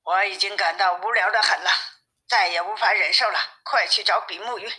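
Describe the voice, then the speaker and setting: A woman's voice: medium pitch, fairly quick, bright, forceful tone, natural voice. A bossy, greedy fisherman's wife, as a woman puts her on. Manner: demanding, scolding commands.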